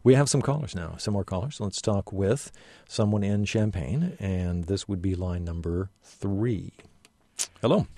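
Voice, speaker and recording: A man hosting a radio call-in show, speaking in a measured way and thinking aloud with a few restarts. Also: deep voice, animated, mellow, no echo. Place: radio studio.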